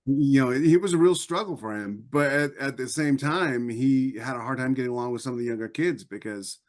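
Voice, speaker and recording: An American man co-hosts a podcast, trading personal anecdotes in a wry, conversational style. His voice is mid-range and brisk.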